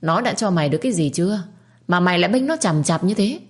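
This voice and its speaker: A woman voicing a spiteful, shrill older secondary wife who screams abuse at servants. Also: expressive, moderate pace, darkish tone, natural voice. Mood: furious. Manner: shrieking, scolding, abusive.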